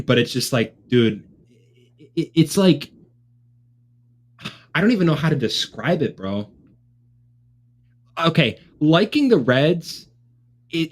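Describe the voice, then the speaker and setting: A young man hosting a sports watch party, chatting casually like a frat bro with lots of bro and dude. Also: a little high. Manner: frat-bro slang, constantly says bro and dude. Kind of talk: casual live stream chat.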